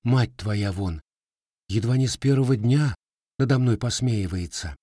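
A man's voice: medium pitch, unhurried, dark tone, no room sound, clean studio sound, voice pushed up, close to an everyday voice. A man voicing a sly, teasing young Cossack widow in a storybook reading, raising his voice for her. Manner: slightly raised, teasing folk speech.

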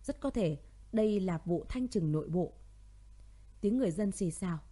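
A woman reading a dramatic audio story as narrator, in a steady, dramatic storytelling manner. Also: mid-range voice, normal speed.

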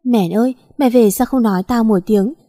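A woman reading an older neighbor woman, who hollers and fusses over everyone with bossy affection. The voice is husky and warm, and the reading moves at a plain storybook pace. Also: fairly high pitch, normal speed, natural voice. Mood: fussing. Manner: calls out loudly, scolding and affectionate. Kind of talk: audiobook narration.

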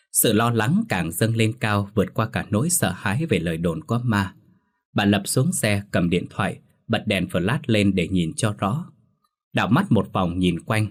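Man, low voice, husky, steady horror story narration.

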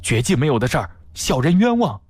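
A man voicing a frightened male servant, pleading his innocence in a higher, strained voice. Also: big pitch swings, a little fast, darkish tone, slightly rough, no echo. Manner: pleading, frantic, humble.

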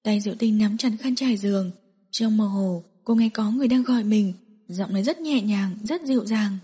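Woman narrator, soft audiobook reading, husky, long hall reverb. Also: medium pitch, normal speed.

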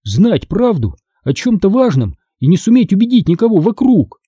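Husky, dark-toned male storyteller. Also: sits high, moderate pace, no echo. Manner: expressive first-person narration. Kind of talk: audiobook narration.

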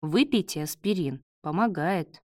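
A man's voice: fairly high pitch, animated, measured pace, no echo, clean studio sound. A woman reading the part of a sarcastic male patient, a former convict, with a sly, mocking manner. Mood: teasing.

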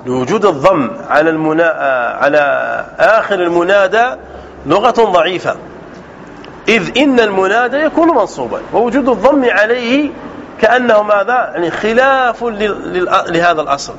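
A sheikh teaching a grammar lesson, explaining slowly and deliberately, repeating points and correcting himself as he goes. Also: sits high, expressive, fairly bright tone. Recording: dull lo-fi recording with faint background noise.

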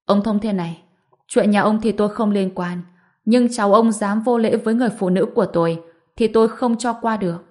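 A woman reading a calm, powerful young male hero in an audiobook, cool and unbothered. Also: medium pitch, a little fast, voice pushed up, lightly acted. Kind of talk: audiobook narration.

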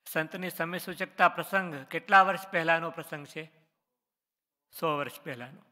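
A man's voice: a little high, normal speed, pushed and bright. Man, scripture quiz review, questions then answers, echoing hall. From Gujarat, India. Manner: reads a question then answers it, adding short explanations. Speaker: religious teacher.

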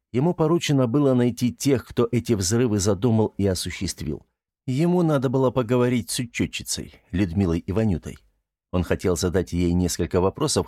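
A man reading an audiobook in a measured storytelling manner. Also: on the low side, warm tone, no room sound, clean studio sound. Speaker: narrator. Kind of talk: audiobook narration.

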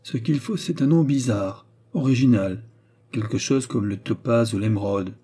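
A man voicing a scheming, mocking baronet of about thirty, raising his voice to sound smooth, teasing and coldly calculating in an audiobook reading. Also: medium pitch, normal speed, dark tone, a little hiss or hum, natural voice.

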